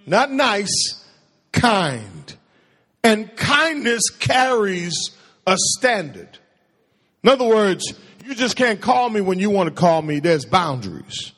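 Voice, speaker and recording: A male pastor with a husky voice, which he calls a baritone, preaches slowly and animatedly in a church sanctuary. His call-and-response sermon is preachy, posing questions to the congregation and answering them himself, with long hall reverb on the recording.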